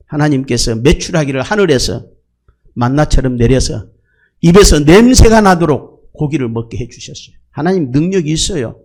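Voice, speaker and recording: A man's voice: fairly high pitch, a little mellow. An older man, a senior pastor, preaching a sermon with rhetorical questions and acted-out pleas to God.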